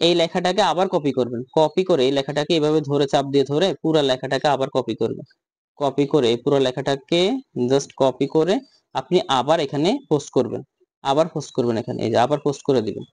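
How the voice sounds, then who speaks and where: A man talking through a software tutorial step by step, asking himself questions and answering them. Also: mid-range voice, quick pace, no room sound. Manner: repetitive step-by-step instructions, rhetorical questions. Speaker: tutorial host. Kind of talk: screen-recorded software tutorial.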